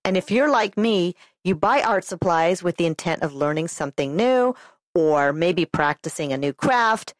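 A woman's voice: fairly low pitch, animated, normal speed, no echo. A woman with a congested voice hosting a podcast, chatting upbeat and directly to her listeners. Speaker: podcast host. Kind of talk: casual solo podcast talk.

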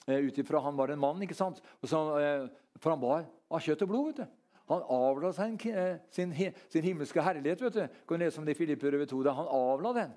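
A man preaching a sermon, rambling and halting with many fillers, then climbing into fervent, near-shouted lines. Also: mid-range voice.

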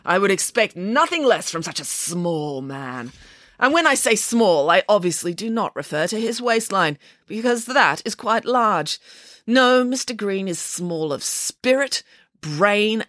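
A woman's voice: lowish voice, a bit bright, no echo, clean studio sound. Woman doing a dramatic bossy lady pig nanny from a kids storybook, indignant, really swoopy delivery. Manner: imperious, emphatic declaiming.

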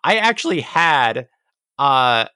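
A man's voice: mid-range voice, very animated, takes it slowly, pushed and bright, clean tone, no echo, clean studio sound. A man chatting casually as a podcast co-host about a video game, with a wry, jokey, ironic way of riffing.

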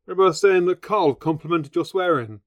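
A woman's voice: on the low side, fast talker, dry recording. A woman co-hosting a podcast, laughing often and adding dry remarks in casual chat. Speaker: podcast co-host.

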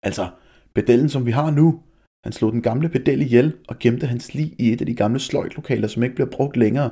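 A man reading aloud voices a swaggering schoolboy bully who talks loudly. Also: mid-range voice, breathy edge, pitched above the performer's own voice. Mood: taunting. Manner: loud, taunting. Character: swaggering boy bully Johan.

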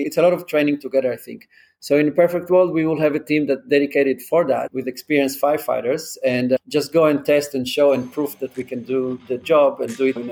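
A man's voice: medium pitch, darkish tone. A man talks through his answers in a conversational interview. He is earnest and practical, and he leans on concrete examples to make his points. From Israel. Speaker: drone company founder.

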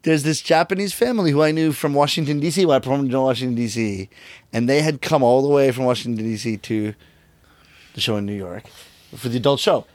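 In a casual interview with no room sound, a middle-aged man who performs rakugo talks fairly quickly at a medium pitch. He's a lively storyteller who voices the characters in his tales as he quotes them.

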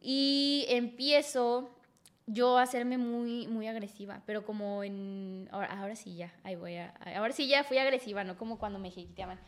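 A woman's voice: fairly high pitch, steady tone, normal speed. Frank Mexican woman telling her story. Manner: frank and emotional, full of fillers, acts out quoted lines. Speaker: podcast guest. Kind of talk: candid personal storytelling.

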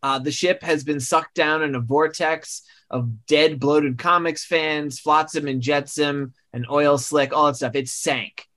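Male host, slightly high voice, loose improvised comic narration with self-corrections. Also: fairly even intonation, measured pace, few pauses, fairly bright tone. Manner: rambling, self-correcting, laughing at own jokes. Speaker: podcast host. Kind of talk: comedic improvised storytelling.

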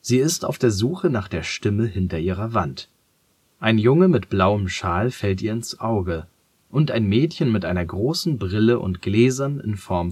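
A man reads a children's story in a calm, measured voice. His voice is very low and husky, and he speaks slowly and steadily. The recording is close and dry. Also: no room sound. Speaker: narrator. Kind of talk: storybook narration.

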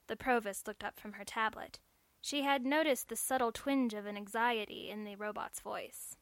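A woman narrating a story in a measured, clear storytelling manner. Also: a little high, steady tone, no room sound.

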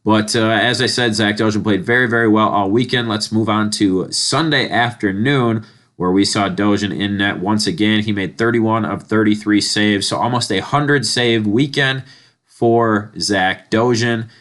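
A man hosts a hockey-style sports recap in a fairly deep voice. He sounds nasal and stuffy with a head cold, talking through results in a conversational commentary style. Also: unhurried, fairly bright tone. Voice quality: nasal, congested. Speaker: sports podcast host.

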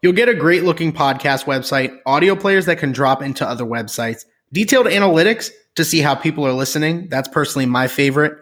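High, husky man restarting his lines. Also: fast, hardly any pauses, a bit bright. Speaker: podcast co-host. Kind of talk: casual podcast chat.

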